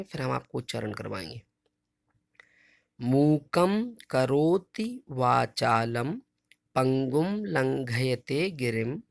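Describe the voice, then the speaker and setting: A man's voice: fairly high pitch, gravelly, dry recording, clean studio sound. A man teaching a Sanskrit lesson to children, reciting verses syllable by syllable and explaining patiently. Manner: slow, drawn-out recitation of each syllable.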